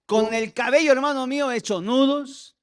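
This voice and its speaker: A man's voice: very high voice, moderate pace. A man with a Mexican accent preaching a sermon as pastor, telling stories and calling his listeners "brother" again and again. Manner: storytelling, repeatedly addressing listeners as brother.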